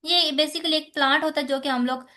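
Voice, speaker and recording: A woman's voice: high-pitched, fairly even intonation, a little fast, bright, forceful tone. A woman with a Pakistani accent giving a lecture on phonetics, explaining step by step, asking rhetorical questions and checking in with "theek hai". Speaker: teacher. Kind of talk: exam-focused lecture on phonetics.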